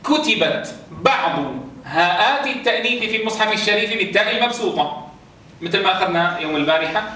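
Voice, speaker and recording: High, bright-voiced man teaching in an echoey room. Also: slight background noise. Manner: quizzes students, chants verse examples. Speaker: Quran teacher. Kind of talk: recitation rules lesson to a class. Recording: roomy echo, distant mic.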